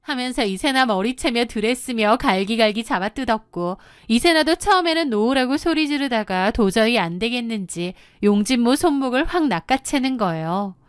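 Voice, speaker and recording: A woman's voice: on the high side, lively intonation, moderate pace, hardly any pauses, clear, resonant tone, no echo, studio quality. A woman narrating her own story in the first person, confiding and matter-of-fact.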